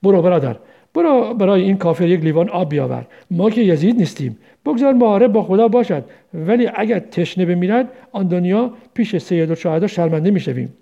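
Brief: a contemptuous, pious-sounding jailer sneering, high-pitched and warm-toned, read by a man. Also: lively intonation, gravelly, lo-fi sound. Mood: mocking. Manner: mocking, contemptuous. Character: scornful male interrogator, mocking and self-righteous.

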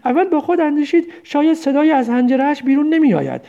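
Brief: male audiobook narrator, high-pitched yet mellow, steady delivery. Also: gravelly, lo-fi sound. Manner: steady reading with occasional slips. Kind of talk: audiobook story reading.

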